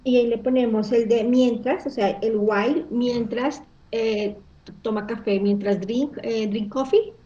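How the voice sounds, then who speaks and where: A woman's voice: on the high side, steady tone, measured pace, dark tone. A woman student answering in an online class, trying out her answers hesitantly. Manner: hesitant, tries answers aloud. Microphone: video call. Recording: distant echoey lo-fi call audio.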